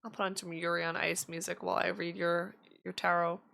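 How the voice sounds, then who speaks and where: A woman's voice: on the low side, little pitch movement, a little fast, vocal fry, bright, forceful tone. A woman streaming tarot readings in casual chat, chatty and giggly with lots of fillers, her voice slightly strained.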